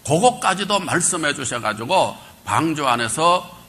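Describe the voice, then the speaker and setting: A male pastor giving a Bible lecture, quizzing his congregation and calling for answers, swinging between loud bursts and quiet asides. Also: a little high, very animated, normal speed. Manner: quizzes the congregation, call and response.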